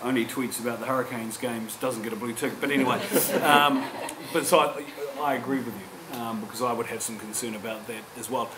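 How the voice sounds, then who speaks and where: A New Zealand man in his forties speaks earnestly on a public panel, his middle-pitched voice halting as he restarts his sentences again and again. A distant table microphone picks up lecture-room echo and a steady background hum.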